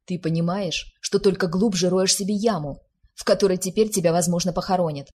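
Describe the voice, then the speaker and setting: A sharp-witted young man, teasing and easily exasperated, as a woman reads him. His lines come low and heavily breathy in a storybook reading. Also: a little fast. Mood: alarmed. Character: amused, mocking young man, sharp friend.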